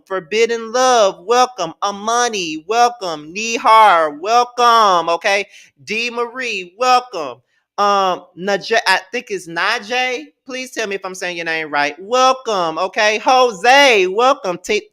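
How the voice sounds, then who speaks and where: Guy in his 30s hosting a live stream, sassy and animated, bright voice. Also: high-pitched. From Mississippi, US. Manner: sassy, playful and animated, with loud whoops. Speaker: livestream host. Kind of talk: live-stream review chat.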